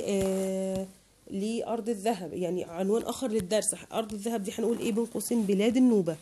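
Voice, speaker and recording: A woman's voice: medium pitch, warm tone. A woman with an Egyptian accent teaching a children's lesson online, patiently breaking words into syllables for her pupils. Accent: Egyptian Arabic.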